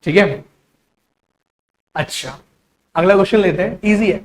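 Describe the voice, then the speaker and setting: A man's voice: high-pitched, unhurried, rough recording. A man teaching an exam-prep maths lesson, patient and step by step, often checking in with the students. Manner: patient, explains step by step with frequent "theek hai".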